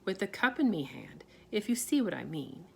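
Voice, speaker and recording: A woman reading aloud and voicing a tiny, plain-spoken borrower father who talks in homely, ungrammatical phrases with calm reassurance. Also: mid-range voice, moderate pace, gravelly, slight background noise. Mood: steady.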